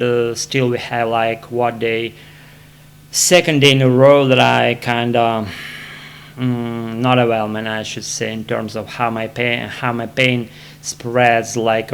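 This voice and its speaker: A man with a Russian accent, a native Russian speaker, talking casually to camera from his armchair at home while in back pain, halting often with fillers and restarts. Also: medium pitch, creaky, fairly bright tone, a little hiss or hum. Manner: hesitant, many fillers and restarts. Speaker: vlogger practicing English. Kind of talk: casual self-recorded monologue.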